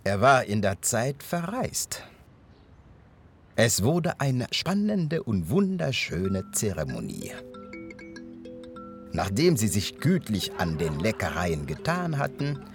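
A man narrating a fairy tale in a measured, expressive storytelling manner. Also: on the low side.

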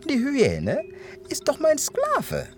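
A man voicing a sly, boastful male hare in a storybook tale, squeaky and shrill, a small trickster. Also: wildly swooping pitch, slow pace, a little mellow, faint music behind, heavily acted.

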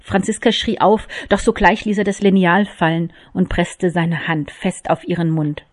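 A woman reading a novel aloud, in measured, expressive storytelling. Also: on the low side, dry recording, studio quality. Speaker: audiobook reader.

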